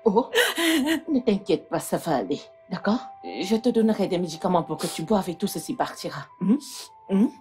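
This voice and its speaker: A woman's voice: sits high, expressive, normal speed, soft background music. A woman voicing a domineering, scornful mother in a French film dub, mocking and scolding. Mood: soothing. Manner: mocking and scolding, then hushed and coaxing. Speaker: mother of the bride.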